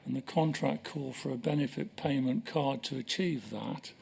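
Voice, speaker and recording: An older man answering questions as a witness at a formal hearing, measured and hesitant, pausing often. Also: mid-range voice, creaky, a little mellow. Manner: measured, hesitant, with many pauses. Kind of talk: formal testimony. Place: inquiry hearing room.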